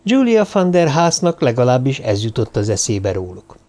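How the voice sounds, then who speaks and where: A man narrating an audiobook, giving the characters' lines small shifts of pitch. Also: big pitch swings, dark tone.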